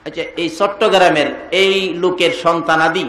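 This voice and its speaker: High, bright-voiced preacher in an echoey hall. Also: male voice, steady tone, moderate pace. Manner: sing-song, swinging between loud calls and hushed lines. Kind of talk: Bengali waz sermon. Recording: echoey hall over loudspeakers.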